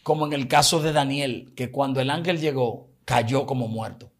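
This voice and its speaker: A man's voice: mid-range voice, normal speed. Dominican man explaining emphatically. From Dominican Republic. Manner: emphatic, explanatory, tells anecdotes. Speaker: evangelist podcast guest. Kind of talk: casual religious podcast talk.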